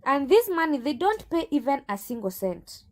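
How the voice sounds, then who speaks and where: An assertive woman with a Kenyan accent speaks as an agency owner in an interview. Her voice is notably high, and she argues her points firmly. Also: big pitch swings, moderate pace, darkish tone. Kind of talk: interview guest.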